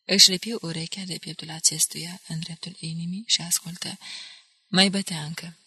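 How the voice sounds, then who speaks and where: A woman reading an audiobook in a measured, dramatic narration. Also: on the low side, steady tone, pushed and bright, breathy edge, no echo.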